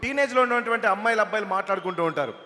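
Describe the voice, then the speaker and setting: A man's voice: high-pitched, rapid-fire, bright, forceful tone. A male mimicry comedian chatting on a stage at a film event, setting up jokes in a reverberant hall.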